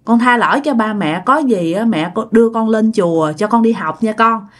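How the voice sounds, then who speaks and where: A woman playing a young mother begging her child's forgiveness, soft and pleading. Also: on the high side, normal speed, natural voice.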